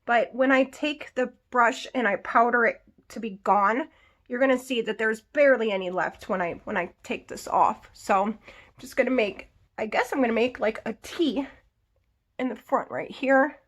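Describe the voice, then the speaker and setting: Woman, beauty vlogger, somewhat high-pitched, casual makeup tutorial, chatty asides. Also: normal speed, a bit bright. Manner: chatty, explains each step, adds little asides.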